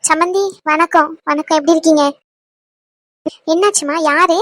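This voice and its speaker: Woman doing a fussy talkative cartoon mom, high voice, dry close sound. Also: fairly even intonation, normal speed, a bit bright, no echo. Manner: fussing, affectionate. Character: middle-aged mother of the bride, fussing and talkative.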